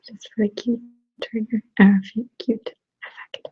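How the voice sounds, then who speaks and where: Woman ASMR creator, slow whispered chat, close and dry. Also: a little high, flat delivery, slightly rough, no room sound. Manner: soft, unhurried storytelling. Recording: dry tinny phone-like sound.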